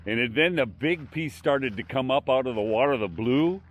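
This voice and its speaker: A man in his sixties chatting casually in a travel vlog, relaxed and enthusiastic, recorded outdoors on a camera mic. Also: medium pitch, moderate pace, muffled recording. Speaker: travel vlogger. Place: outdoors by a glacier lagoon and roadside.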